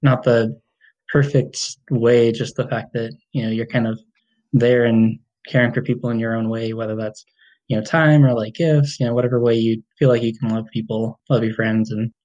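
A man's voice: mid-range voice, steady tone, moderate pace, a little mellow, dull audio. Rambling man with a mid-range voice. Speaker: podcast guest. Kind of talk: casual chat.

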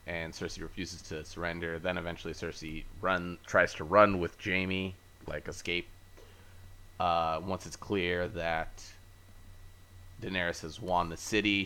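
Deep-voiced, bright-toned man recapping casually. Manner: rambling recap full of fillers; easygoing, self-correcting. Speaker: podcast host. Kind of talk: casual chat.

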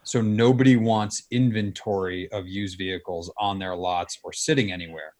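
A man's voice: low-pitched, fairly even intonation, normal speed, darkish tone. A man in casual conversation, telling things in an informal, anecdotal way. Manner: acts out quoted dialogue when telling stories.

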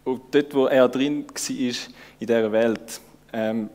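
Casual Swiss German preacher. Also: male voice, medium pitch, fairly even intonation, a little slow, darkish tone. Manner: informal and searching, with many fillers and restarts. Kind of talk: casual conversational sermon.

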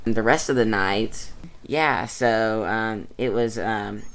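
Here a fourteen-year-old from East Tennessee talks as a guest in an interview, a young mandolin player in bluegrass. He speaks slowly in a lowish, somewhat bright voice, relaxed but hesitant, using informal, youthful wording.

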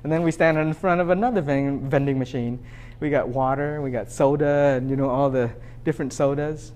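A man in his thirties preaching a sermon, swinging between loud excitement and quiet reflection. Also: mid-range voice, brisk. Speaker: pastor.

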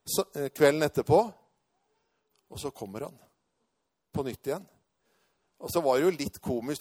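A male preacher telling a personal testimony in a sermon, storytelling and rising to loud proclamation. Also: medium pitch, no room sound, clean studio sound.

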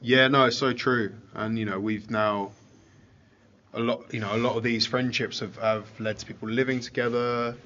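A man's voice: mid-range voice, steady tone, normal speed, sharp tone. A man chatting casually and reflectively as a football fan podcaster. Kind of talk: casual chat. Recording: slightly dull sound with faint noise.

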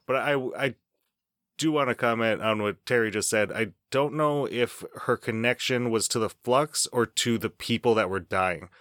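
A man's voice: mid-range voice, moderate pace, a bit bright, no room sound, clean studio sound. A man co-hosting a podcast, chatting casually, joking and laughing often. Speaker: podcast co-host. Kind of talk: casual chat.

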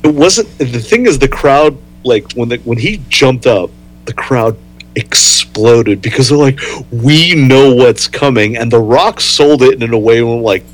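A man's voice: medium pitch, expressive, measured pace, rough recording. A man in a casual chat, eagerly adding his own memories of a shared event. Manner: eager, jumps in to add memories. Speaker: podcast co-host.

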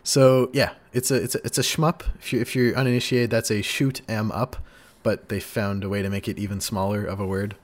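A man's voice: fairly low pitch, flat delivery, fairly quick. A man hosting a casual gaming podcast, chatty and upbeat, reading out segments and riffing with his co-host. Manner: upbeat, chatty, sings little jingles.

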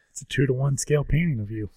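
A man chatting casually and tossing in quick wisecracks. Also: medium pitch, a little mellow, breathy edge, no echo. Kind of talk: casual chat.

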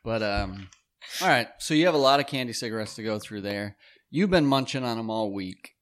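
A man's voice: on the low side, lively intonation, brisk, fairly bright tone. A man hosting a casual chat, joking with mock-serious banter. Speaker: host.

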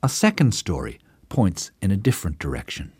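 A man giving scripted narration in a measured, explanatory way. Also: low-pitched, huge pitch swings, darkish tone, slightly rough, no room sound.

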